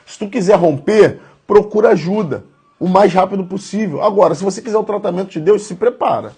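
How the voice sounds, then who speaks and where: A man's voice: high-pitched, brisk, warm tone, breathy edge. A man in his thirties giving a conversational, earnest devotional sermon, speaking directly to his listeners. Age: 30s. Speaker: preacher.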